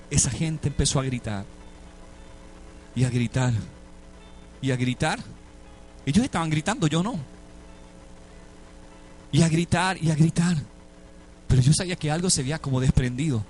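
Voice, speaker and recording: A Puerto Rican man preaching a sermon, telling a story and acting out the dialogue with dramatic shifts between voices. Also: a little high. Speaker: pastor. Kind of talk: sermon testimony.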